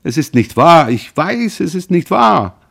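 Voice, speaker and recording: A man's voice: fairly low pitch, very animated, normal speed, creaky, darkish tone, breathy edge, exaggerated voice. A man voicing a young son pleading with his mother, tender and urgent in turn.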